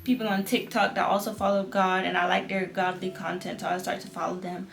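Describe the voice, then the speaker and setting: A woman's voice: fairly low pitch, flat delivery, brisk, vocal fry, soft background music. A young woman giving a casual personal testimony as a vlogger, with the earnest, emphatic manner of a fervent new believer, repeating phrases for emphasis.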